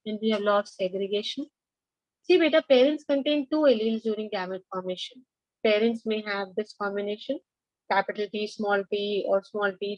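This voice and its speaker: A woman's voice: medium pitch, no room sound. A woman with an Indian accent teaching as a biology teacher, mixing English and Hindi and prompting students with questions. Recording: dull, band-limited lo-fi audio.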